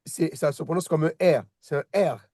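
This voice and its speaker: In a casual language lesson, a man who teaches Hebrew keeps restarting and repeating words, patiently making sure students follow with "d'accord?". His voice sits on the high side and is mellow, moving at a moderate pace. The recording is dry and studio quality.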